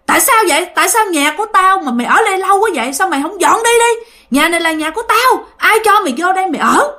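A woman voicing a fierce, hostile old woman ghost who scolds in a shrill voice. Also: animated, normal speed, a bit bright. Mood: furious. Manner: shrill scolding, high-pitched.

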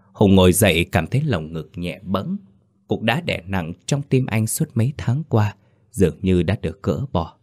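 A man narrating a written story in a slow, solemn way. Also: low voice, a little mellow, no echo, clean studio sound. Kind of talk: scripted ghost-story narration.

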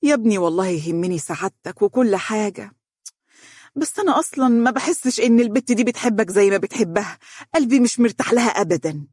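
Narrator doing a middle-aged mother, Egyptian accent, scolding, reproachful, husky, higher-pitched, dry sound. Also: very fast, darkish tone, no echo, close to an everyday voice. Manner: reproachful, emotional.

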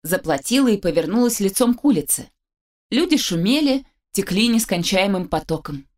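A woman narrating a first-person story as an audiobook reader, with lively storytelling and a dry wit. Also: mid-range voice, normal speed.

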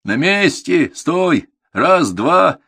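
A man voicing a gruff, shell-shocked male military instructor who barks commands at schoolboys in a storybook reading. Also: medium pitch, expressive, a little slow, no echo, voice pushed up. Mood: barking orders. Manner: barking, shouted commands.

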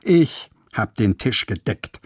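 A man's voice: lowish voice, expressive, takes it slowly, husky, dry recording, clean studio sound, exaggerated voice. A man voicing a sulky young girl who pipes up in a storybook reading.

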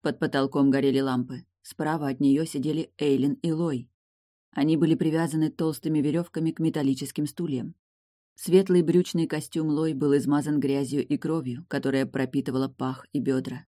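Low-voiced woman reading an audiobook. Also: fairly even intonation, normal speed, warm tone, dry recording, clean studio sound. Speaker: audiobook reader. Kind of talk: audiobook narration.

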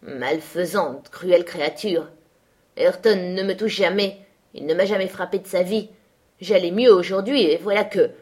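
A woman's voice: lowish voice, a little slow, darkish tone, breathy edge. A woman voicing a whiny, spiteful sickly boy. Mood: whining. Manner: whiny, taunting.

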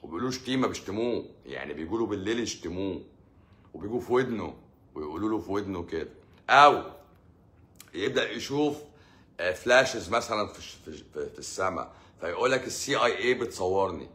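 Answering comments on a relaxed live Q&A, a doctor with an Egyptian accent jokes sarcastically and mimics what his patients tell him. He speaks in a low, expressive voice, quickly, with a fairly bright tone.

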